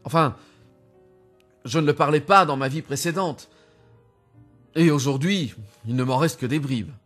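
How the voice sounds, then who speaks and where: A man voicing a husband who speaks calmly and quietly in a measured way, in a spoken story. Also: a little high, soft background music. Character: calm, cold husband regaining his memory.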